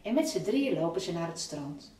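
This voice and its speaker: A woman's voice: fairly low pitch, sing-song, warm tone, slight background noise. Woman reading a children's story aloud in a roomy space. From Netherlands. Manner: measured storyteller's narration. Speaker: children's author. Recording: roomy, from a distance.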